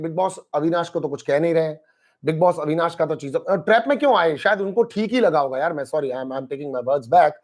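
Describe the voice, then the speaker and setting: A male live-streamer with a high-pitched voice reviews a reality show, chatting casually as he reads viewer comments aloud. He's animated and talkative, mixing Hindi with English phrases and addressing people in the chat by name.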